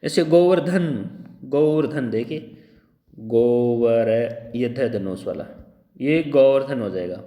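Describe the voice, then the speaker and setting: Man, grammar teacher, exam-prep lesson, repeats wrong and right spellings, frequent throat clearing, echoey hall. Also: mid-range voice, lively intonation, measured pace, dark tone. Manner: drills by repeating the wrong and right word forms. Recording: echoey room with long reverb.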